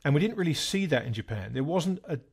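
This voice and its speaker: A man in his sixties, a guest on an interview, explaining in a measured, thoughtful way. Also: a little high, expressive, vocal fry, husky. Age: 60s. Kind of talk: conversational interview.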